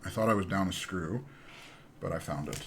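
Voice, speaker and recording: While building a keyboard on stream, a thirtysomething man chats loosely, telling meandering stories that stop and begin again. His low, gravelly voice is a bit bright, moves at normal speed, and has slight background noise behind it.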